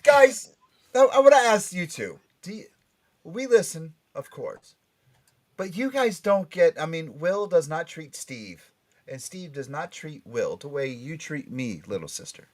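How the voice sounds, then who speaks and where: Hosting a relaxed panel show, this podcast and radio host jokes around and brings up topics, frequently repeating phrases to drive them home. He sounds a little high and very animated, yet unhurried.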